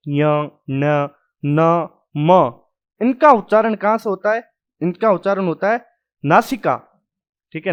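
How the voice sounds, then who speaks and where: A male grammar teacher lecturing a class at a whiteboard, who sounds out the letters aloud and keeps checking in his students. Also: sits high. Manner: drills sounds aloud, repeats "ठीक है" often.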